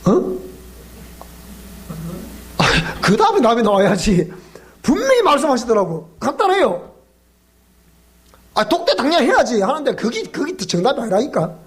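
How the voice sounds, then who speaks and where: At church, a South Gyeongsang pastor with an extremely high, wildly swooping voice gives a weeknight Bible school sermon at normal speed, pausing often. His Gyeongsang-accented delivery is jokey, full of laughter and questions for the congregation.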